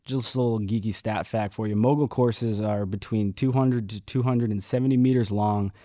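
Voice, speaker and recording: A man's voice: fairly low pitch, steady tone, normal speed, mellow, no echo. A young man working as a radio intern, sharing trivia in a loose, hesitant way from the studio. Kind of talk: casual radio chat.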